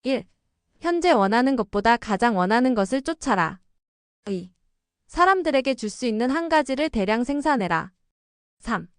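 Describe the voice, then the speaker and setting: A woman reading scripted narration in a crisp announcing manner. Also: fairly high pitch, dry recording, studio quality.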